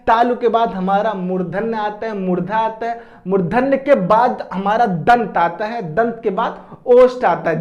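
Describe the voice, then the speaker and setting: High-voiced man teaching grammar. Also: highs cut off. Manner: asks questions and answers them himself; repeats key terms, drawing out syllables. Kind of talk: exam-prep lecture.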